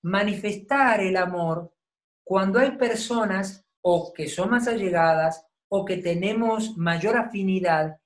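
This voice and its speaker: A woman's voice: medium pitch, slow pace. Woman, Bible teacher, teaching sermon, explanatory, checks in with listeners.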